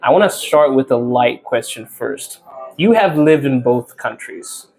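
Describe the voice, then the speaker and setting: Male podcast host, curious and chatty, mid-pitched, quick to laugh. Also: lively intonation, vocal fry, a little mellow. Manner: curious, laughs often, short affirmations. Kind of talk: casual interview chat.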